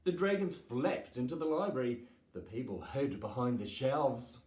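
A man reading a children's picture book aloud with a playful expressive manner, in a roomy echo. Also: medium pitch, moderate pace. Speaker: storyteller.

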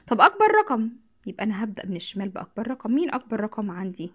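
A woman with an Egyptian accent teaching a math lesson, patiently repeating each point and often clearing her throat. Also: mid-range voice, expressive, very fast, fairly bright tone, muffled recording. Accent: Egyptian Arabic.

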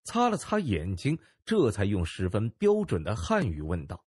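A man reading a novel aloud as audiobook narrator, in expressive storytelling style. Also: fairly low pitch, normal speed, breathy edge, no echo, clean studio sound. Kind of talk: scripted narration.

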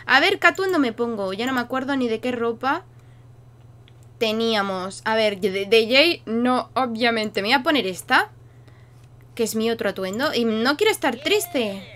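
A woman's voice: on the high side, lively intonation, moderate pace, fairly bright tone. A young woman, chatting playfully through a life-sim game for her viewers and talking to her characters. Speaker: gaming YouTuber. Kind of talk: casual game commentary.

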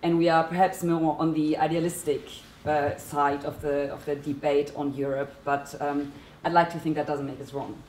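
A woman in her thirties with a German accent speaks as a panelist at a conference table in a seminar room, earnest and emphatic. Her low-pitched voice is a little mellow, with fairly even intonation and a moderate pace. The room is echoey, with slight background noise.

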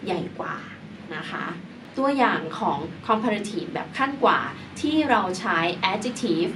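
A woman's voice: medium pitch, animated, slow pace. Patient woman teaching grammar, distant mic. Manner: patient, repetitive, spells words letter by letter. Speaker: English teacher. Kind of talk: explaining grammar lesson. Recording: distant mic with clear background noise.

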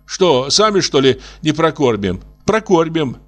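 Storybook role: man voicing a calm mother, down-to-earth and reassuring. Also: a little high, a little slow, soft background music, pitched above the performer's own voice. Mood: soothing. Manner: gentle, reassuring, homely. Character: calm, soothing older mother.

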